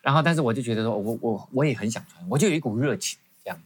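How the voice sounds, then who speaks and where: Male guest, rapid-fire talker, animated testimony with restarts. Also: mid-range voice, breathy edge. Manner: animated storytelling, frequent restarts. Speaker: guest professor. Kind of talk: personal testimony in interview.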